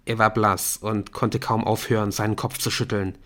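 A man narrating an audiobook in a steady, even reading voice. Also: lowish voice, moderate pace.

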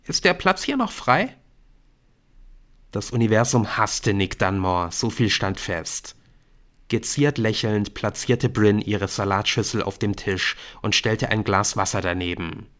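A man reading a novel aloud in steady, scripted narration. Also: on the low side, unhurried. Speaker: audiobook narrator.

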